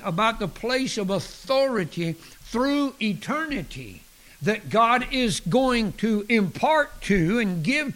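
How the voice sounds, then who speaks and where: A man preaching a sermon, expressive, dropping at times to a hushed near-whisper and chuckling at his own jokes. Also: high-pitched. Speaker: pastor.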